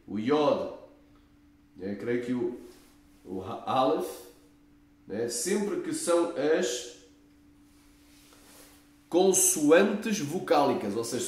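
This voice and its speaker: A preacher walks his listeners through a lesson, stopping often for tag questions and pious exclamations. His voice is fairly high for a man and sounds far from the mic, in a very echoey space. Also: darkish tone. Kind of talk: teaching commentary on a video.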